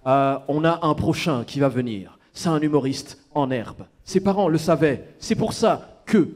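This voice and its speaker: A man hosting a comedy club night, loudly teasing the performers and hyping up the audience. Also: a little high, unhurried. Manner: loud, teasing, hypes the crowd. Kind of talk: stand-up emcee banter. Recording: live club with crowd and music.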